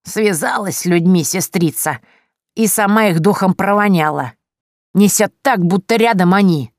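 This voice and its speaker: A woman's voice: fairly low pitch, animated, normal speed, dry recording, studio quality, lightly acted. A woman voicing a spiteful, quarrelsome old witch who snaps and shrieks. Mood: sneering. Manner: snappish, shrieking.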